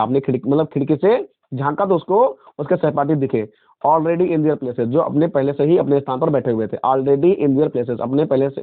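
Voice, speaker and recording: A male English teacher explaining a story line by line, reading each English phrase slowly and repeating it in Hindi, and calling his students "beta". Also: on the high side, no room sound. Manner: calls students "beta" and "friends". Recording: tinny phone-like audio, dry.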